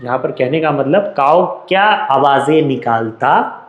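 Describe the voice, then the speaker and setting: Indian English male teacher, unhurried exam revision lesson, jokey chat, roomy echo. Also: medium pitch, lively intonation, lo-fi sound. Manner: chatty, joking, mixes Hindi and English.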